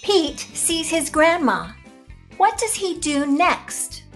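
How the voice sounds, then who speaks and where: Faint music plays behind a very high female voice as she reads a storybook to young children. She's the host, delivering the scripted story slowly and expressively and adding quiz questions for the kids.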